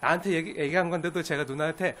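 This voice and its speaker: Male pastor, higher-pitched, warm teaching sermon, playful quoted asides. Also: fast, a little hiss or hum. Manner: animated, acts out quoted lines with laughter.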